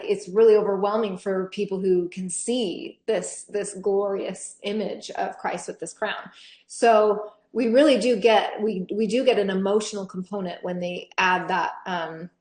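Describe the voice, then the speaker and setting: A woman teaching a scripture class to teens in a chatty, animated way with frequent laughs and fillers. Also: medium pitch, normal speed, echoey room.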